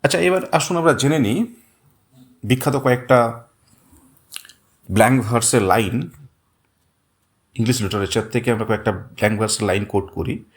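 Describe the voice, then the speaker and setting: A man teaching a literature lesson, explaining step by step and repeating words to show where the stress falls. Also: medium pitch. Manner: reads English quotations very slowly. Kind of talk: Bengali-language literature lesson.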